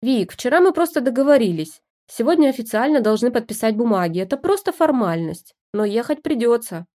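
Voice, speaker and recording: An irritable husband snaps and barks orders in a loud, bossy voice, as a woman reads him. He pitches a little higher than the plain narration and sounds impatient throughout, as in a spoken storybook. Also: expressive, fairly quick, lightly acted. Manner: snappish, bossy, raised voice.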